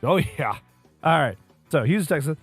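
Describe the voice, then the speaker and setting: A man's voice: on the high side, expressive, normal speed, breathy edge, soft background music. A man co-hosting a casual beer podcast, laughing often and slipping into silly character voices. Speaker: podcast co-host. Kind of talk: casual chat.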